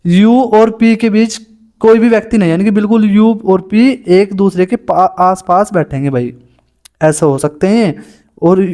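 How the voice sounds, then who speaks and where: A man's voice: high voice, darkish tone. A young man coaching exam students through puzzles on a board, chatty and informal, often calling listeners "bhai".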